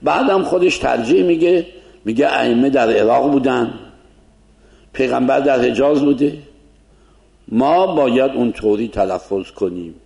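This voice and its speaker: A man's voice: medium pitch, vocal fry, darkish tone. A man giving an informal lecture to a class, explaining conversationally and asking rhetorical questions.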